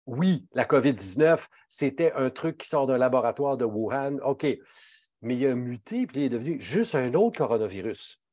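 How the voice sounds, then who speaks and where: A man's voice: expressive, normal speed, warm tone, no room sound, clean studio sound. A man with a Québécois French accent giving a health talk as a pharmacist, emphatic and indignant in manner. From Quebec. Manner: emphatic, indignant, swings pitch widely for emphasis.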